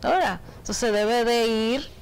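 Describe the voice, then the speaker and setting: A woman doctor answering health questions on a radio show, halting and often adding "¿no verdad?". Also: a little high, smooth, low-quality recording. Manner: slow, halting, tags "¿no verdad?". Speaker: physician guest.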